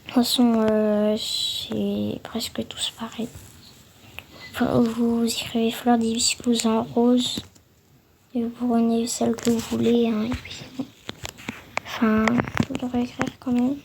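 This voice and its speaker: Halting high-voiced young woman. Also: level tone, vocal fry, background noise. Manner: hesitant, halting, many fillers and restarts. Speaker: game tutorial maker. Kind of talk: casual game tutorial voice-over.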